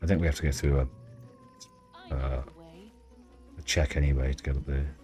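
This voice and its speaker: A man doing a video game playthrough, reading text aloud and commenting in an unhurried, low-key way. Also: steady tone, a little mellow. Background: game music.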